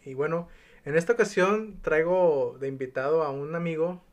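Young male podcast host, Nayarit Mexican accent, higher voice, relaxed interviewer. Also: moderate pace. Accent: Nayarit Mexican Spanish. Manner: relaxed, friendly questioning with fillers. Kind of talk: casual chat.

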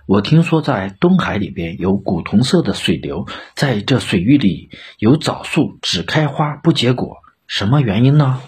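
A man's voice: medium pitch, very animated, moderate pace, few pauses, a little mellow, husky. A man voicing an impulsive, easily swayed ancient king. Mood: curious.

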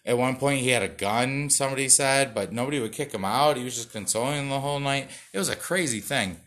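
Bright-voiced, rambling young man comic. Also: mid-range voice, fast. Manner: self-mocking, profane, rambling with many fillers and restarts. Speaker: stand-up comedian. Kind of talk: rambling comedy monologue read from cards.

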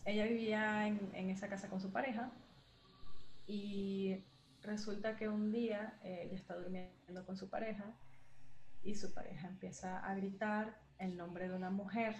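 A woman's voice: medium pitch, little pitch movement, moderate pace, a little mellow, echoey room, slight background noise. A young woman chatting casually, telling a ghost story with lots of fillers and slang.

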